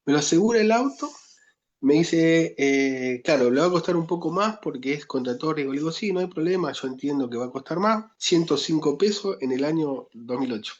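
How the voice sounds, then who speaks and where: A man's voice: a little high, expressive, fairly quick, dull audio. A man with an Argentine accent, a pastor telling a personal testimony in a sermon, chatty and full of fillers. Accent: Argentine Spanish. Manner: conversational storytelling, many fillers.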